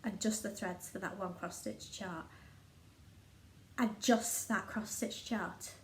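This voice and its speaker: A woman's voice: medium pitch, fairly even intonation, takes it slowly, reverberant, a little hiss or hum. A young woman with a Liverpool accent, chatting casually and teasing as co-host of a home stitching video. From Liverpool, England. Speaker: flosstube co-host. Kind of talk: casual chat.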